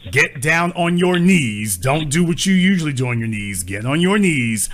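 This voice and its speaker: A man hosts a call-in relationship advice show and scolds his caller bluntly and crudely. His voice sits a little high, with a bright, forceful edge, and he talks in a lecturing tone. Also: animated, normal speed.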